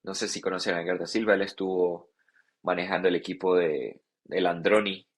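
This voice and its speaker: A man, a cycling guest in a casual podcast interview, relaxed and joking, halting with many fillers. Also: deep voice, breathy edge. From Venezuela.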